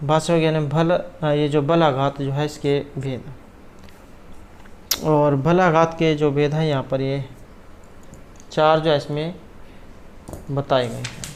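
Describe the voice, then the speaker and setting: A man's voice: fairly high pitch, fairly even intonation, takes it slowly, pauses often, a little hiss or hum. A man tutoring for a Sanskrit exam, explaining each question and its answer option in a methodical way.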